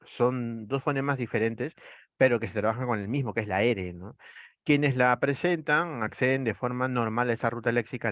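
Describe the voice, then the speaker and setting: In a dry recording with the highs cut off, a man from Peru with a medium-pitched voice gives an online lecture. He has a Peruvian Spanish accent, frequently says "¿no?", and answers the rhetorical questions he raises while explaining.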